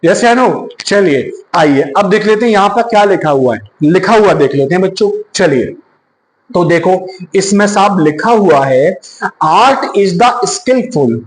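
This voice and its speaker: A man's voice: high voice, lively intonation, normal speed, reverberant, poor audio. A male teacher lecturing to students, often checking in with "yes or no" questions. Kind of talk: classroom lecture.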